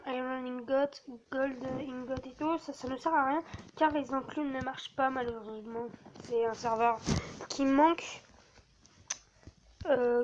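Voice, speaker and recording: A woman casually walking viewers through a game server, hesitant and full of fillers. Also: high voice. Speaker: gamer showing a server. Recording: dull lo-fi mic with faint hiss.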